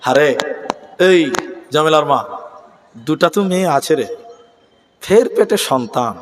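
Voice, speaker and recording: A man voicing a worried village husband plotting with his wife in a low, conspiratorial tone. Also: expressive, takes it slowly, in a large hall, slight background noise.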